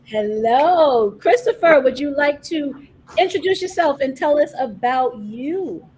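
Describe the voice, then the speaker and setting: Female host, online conference, upbeat and a little higher-pitched, formal introductions. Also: lively intonation, measured pace, darkish tone, a little hiss or hum. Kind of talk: virtual conference moderating. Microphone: video call.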